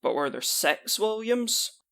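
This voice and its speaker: An actor playing a practical, logical team adviser who reasons and gives directions in a fantasy game drama. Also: male voice, sits high, very animated, takes it slowly, creaky, sharp tone, exaggerated voice. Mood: focused, reasoning.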